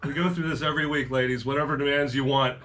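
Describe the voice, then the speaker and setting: Bright, playful man playing a character. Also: mid-range voice, steady tone, quick pace. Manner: joking, playful in-character banter. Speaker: player. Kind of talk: playing a character in a tabletop game.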